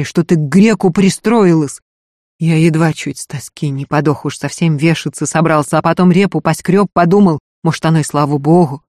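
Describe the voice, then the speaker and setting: A man's voice: fairly high pitch, a little mellow, no echo, studio quality, lightly acted. A man reading aloud as a cheeky young male thief who talks in coaxing street slang. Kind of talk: audiobook reading.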